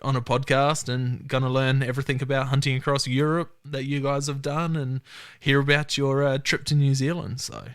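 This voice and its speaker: An Australian man hosting a podcast, chatting in a relaxed way with laid-back slang. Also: mid-range voice, normal speed, smooth, no room sound, clean studio sound. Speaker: podcast host. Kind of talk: casual interview chat.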